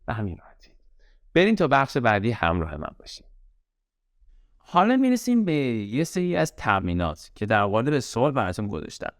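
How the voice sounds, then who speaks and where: Persian-accented male English teacher, crisp and dry. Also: medium pitch, huge pitch swings, dry recording. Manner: slows right down to spell out English example sentences; repeats key words for drill. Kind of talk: recorded grammar lesson.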